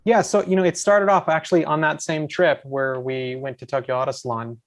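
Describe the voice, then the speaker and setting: A man in his forties from the USA, a podcast guest, telling rambling, excited stories in casual chat and acting out his own lines. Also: a little high, fairly quick. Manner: excited, rambling, quotes himself.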